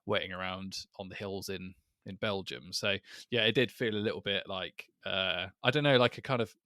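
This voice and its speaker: Male co-host, lowish voice, chatty and wry. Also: moderate pace, pushed and bright, no room sound, clean studio sound. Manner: chatty, self-deprecating, laughs often. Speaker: podcast co-host. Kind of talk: casual chat.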